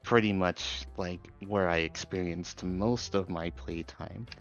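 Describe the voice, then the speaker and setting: Male podcast guest, lower register, understated, hesitant conversational delivery, music bed underneath. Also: takes it slowly, muffled recording. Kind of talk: casual chat about online games. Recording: music behind the voice.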